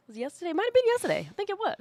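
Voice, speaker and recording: Woman co-host, hoarse from a cold, animated and chatty, lively pitch. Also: racing, no echo. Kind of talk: casual couple chat.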